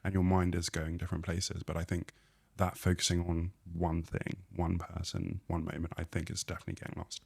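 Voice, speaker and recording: A man's voice: deep voice, monotone, brisk, creaky, hardly any pauses, a little mellow, breathy edge. A man co-hosting a podcast in a studio, chatting casually in a dry, understated way. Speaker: podcast co-host. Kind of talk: casual chat.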